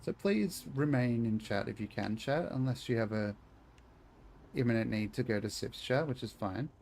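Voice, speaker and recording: A man's voice: medium pitch, animated, normal speed, creaky, darkish tone, a little hiss or hum. A man chatting casually to his viewers while playing a video game, joking and talking to chat. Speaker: streamer. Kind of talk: casual gaming stream chat.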